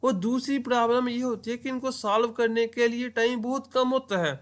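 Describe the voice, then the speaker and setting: A man's voice: extremely high pitch, steady tone, moderate pace. A man from Pakistan giving an explanatory lecture on entry tests, walking through worked examples step by step. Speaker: entry test teacher.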